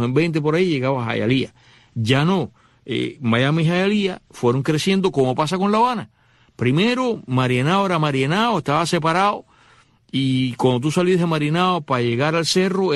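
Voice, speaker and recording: A man's voice: on the high side, no echo, studio quality. A man, explaining in a casual, conversational way and speaking straight to the listener. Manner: conversational, addresses listener directly.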